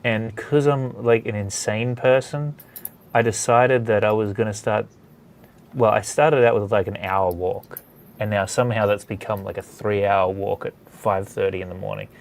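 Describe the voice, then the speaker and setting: Hosting a comics drawing studio session, a man chats casually in a hesitant, rambling manner. His fairly low voice stays steady at a moderate pace, with noticeable vocal fry.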